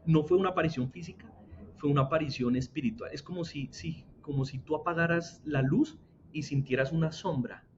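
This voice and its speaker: A young man giving an earnest, halting faith testimony, often repeating words as he goes. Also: on the high side, lo-fi sound, background noise. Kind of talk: emotional personal testimony.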